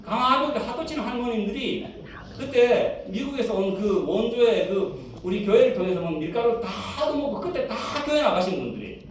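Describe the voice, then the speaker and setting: A man's voice: high voice, animated, moderate pace, slight background noise. A man with a Gyeongsang Korean accent preaching a sermon, telling an anecdote and mimicking grandmothers' dialect voices. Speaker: pastor. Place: church sanctuary. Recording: roomy church hall from far off.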